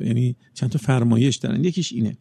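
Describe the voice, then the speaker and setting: Gravelly preacher delivering an emphatic sermon. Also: male voice, mid-range voice, dark tone, no echo, clean studio sound. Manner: measured, builds up in emphatic bursts. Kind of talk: religious sermon.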